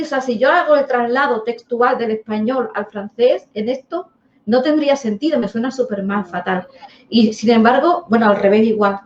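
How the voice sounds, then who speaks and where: Woman host in a roomy, dull recording. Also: on the high side. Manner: earnest, explanatory, emphatic. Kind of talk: casual interview chat. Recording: roomy, dull remote audio.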